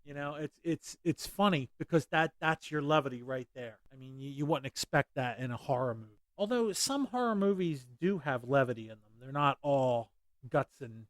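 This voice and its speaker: A man's voice: mid-range voice, lively intonation, moderate pace, no echo. A man hosting a casual movie commentary, rambling with many fillers and restarts. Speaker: podcast host.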